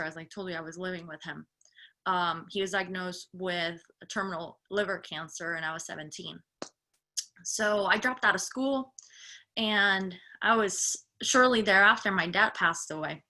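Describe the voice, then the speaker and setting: A woman from Colombia who grew up in Puerto Rico, speaking as a webinar panelist in a lively, engaging way to the audience. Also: fairly low pitch. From Colombia, raised in Puerto Rico.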